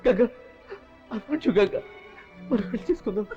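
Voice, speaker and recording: An actor playing a lovesick, volatile young hero in a dubbed film drama, talking with emotional intensity. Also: male voice, high-pitched, animated, moderate pace, highs cut off, over loud music. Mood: pleading. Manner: emotional and intense, swinging between pleading and mocking.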